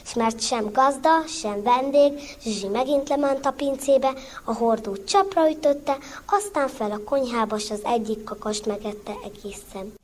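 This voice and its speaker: A woman reading a folk tale aloud, giving quoted characters lively, animated voices. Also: fairly high pitch, a little hiss or hum. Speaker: storyteller.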